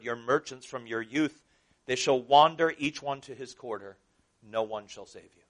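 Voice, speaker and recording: A man's voice: mid-range voice, fairly bright tone. Conversational man preaching a sermon. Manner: conversational, asks the listeners questions, dramatic paraphrase. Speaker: pastor. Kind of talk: sermon, reading and explaining scripture.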